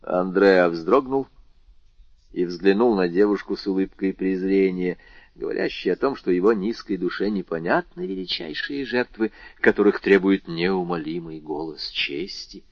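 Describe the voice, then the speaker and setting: A man with a low voice narrates an audiobook with lively, dramatic swings in pitch. The recording is dry, close and dull, with a lo-fi tone. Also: normal speed, vocal fry, no room sound. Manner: dramatic, expressive storytelling.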